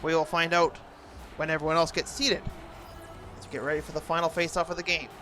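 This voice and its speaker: A man doing an announcer-style play-by-play commentary of a hockey video game, excitable on big plays. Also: on the high side, brisk, soft background music.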